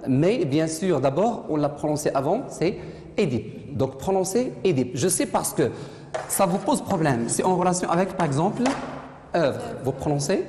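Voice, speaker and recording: A woman with a low, lively voice teaching a classroom lesson. She patiently repeats what her pupils answer. The recording is echoey and noisy, taken from a distance in a classroom. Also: moderate pace. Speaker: French teacher.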